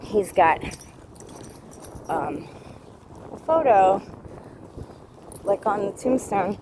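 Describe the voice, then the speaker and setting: A woman's voice: mid-range voice, expressive, drawn-out words, noisy background. A woman vlogging while walking through a cemetery, ranting heatedly and swearing a lot. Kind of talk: casual walking vlog. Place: outdoors in a cemetery.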